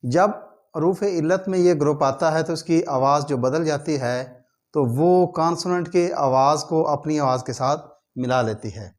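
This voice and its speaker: A man teaching a grammar lesson, speaking slowly and deliberately and spelling words out letter by letter. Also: fairly high pitch. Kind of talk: grammar lesson explaining in Urdu-flavored Hindi.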